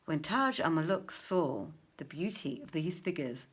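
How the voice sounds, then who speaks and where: An old-fashioned tale is told aloud by a woman in storyteller fashion, full of expression, careful phrasing and dramatic pauses. She sounds low-pitched and animated, with a breathy edge.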